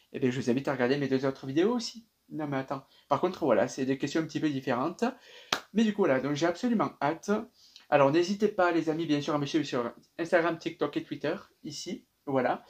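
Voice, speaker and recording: A young man in his twenties, a YouTube reaction creator, chats upbeat in a casual vlog, using lots of fillers and a sing-song southern French accent. His voice is on the high side with a darkish tone.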